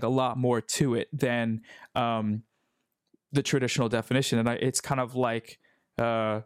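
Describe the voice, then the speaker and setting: A man's voice: medium pitch, clean tone, no room sound. Rambling man in dry close sound. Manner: rambling, many fillers and restarts. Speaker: YouTube commentator. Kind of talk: casual conversation.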